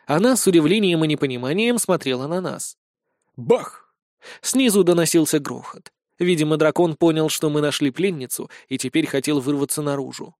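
A man narrating a comic fantasy audiobook with lively, brisk storytelling. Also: fairly high pitch, no echo, studio quality.

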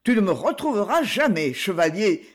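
A sneering, boastful villain gloats from a fairly high, lively voice, as a male reader puts him on. He mocks his trapped rival with theatrical swagger, a master of disguise in an old adventure tale. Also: a little slow, exaggerated voice. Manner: mocking, boastful.

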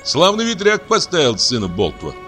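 A man's voice: on the high side, wildly swooping pitch, normal speed, pushed and bright, pitched above the performer's own voice, heavily acted. A man voicing a young coachman who answers plainly and unhurriedly, over background music. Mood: easygoing.

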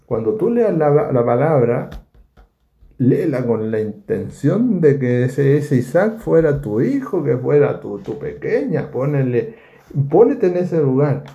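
A man leads a Bible study with a gravelly, mellow voice, often acting out the scenes. The sound is echoey and a little dull, like a lo-fi recording made in a bare room. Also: mid-range voice, measured pace. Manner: animated, acts out the scripture scenes.

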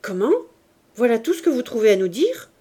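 A woman reading the part of an honest, easily upset middle-aged bourgeois father who reproaches his relatives loudly. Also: very high-pitched, animated, normal speed, pitched above the performer's own voice. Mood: indignant.

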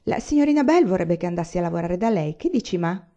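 A woman reading the part of an eager, lively teenage girl in a storybook. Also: fairly low pitch, fast talker, muffled recording, natural voice.

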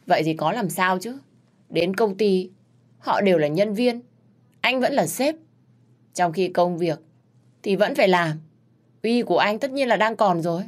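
A woman's voice: mid-range voice, expressive, unhurried, pauses often, voice pushed up. A woman voicing a pregnant young wife who sulks and argues with her husband. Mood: protesting.

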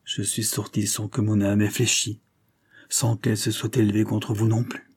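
A man reading the lines of a sorrowful, resigned young noblewoman in a quiet, restrained voice. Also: lowish voice, monotone, normal speed, breathy edge, no echo, clean studio sound. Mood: solemn.

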